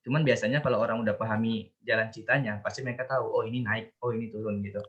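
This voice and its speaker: A man's voice: fairly low pitch, steady tone, rapid-fire, fairly bright tone, dull audio. A man teaching a Japanese class online in a chatty, explaining way, with frequent fillers, over a video call mic.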